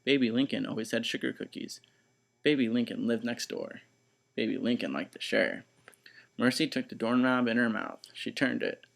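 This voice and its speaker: A man reads a children's story aloud in expressive, scripted narration. His mid-range voice is creaky, and he keeps a moderate pace.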